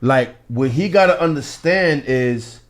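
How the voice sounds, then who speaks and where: A man's voice: medium pitch, expressive, measured pace. A man co-hosting a podcast, talking casually and thoughtfully, often repeating words as he builds a point. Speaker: podcast co-host. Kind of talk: casual chat.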